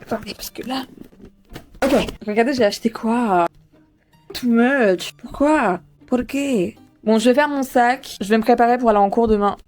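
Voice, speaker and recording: A young woman talks to her camera from her bedroom, joking at her own expense and cursing freely. Her voice sits fairly high, and light music plays softly behind her. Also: normal speed. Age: young adult. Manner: self-mocking, swears, exclaims loudly. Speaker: student vlogger. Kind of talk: casual vlog chat. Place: bedroom at home.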